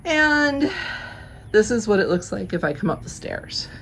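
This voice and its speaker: A woman's voice: medium pitch, very animated, unhurried, a bit bright, a little hiss or hum. A woman from Georgia, chatting casually through a home decorating vlog, a little out of breath, recorded outdoors on a front porch with birds chirping. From southern Georgia, USA. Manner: chatty, friendly walkthrough with small laughs.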